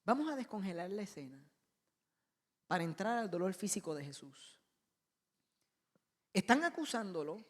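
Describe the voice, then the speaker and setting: A male pastor preaching a sermon with passion, swinging between loud emphasis and soft asides. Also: high voice, in a large hall. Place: church auditorium.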